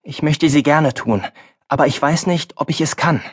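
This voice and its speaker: A man's voice: fairly high pitch, moderate pace, breathy edge. A male audiobook narrator voicing a young farm boy who sounds hesitant and worried about leaving home.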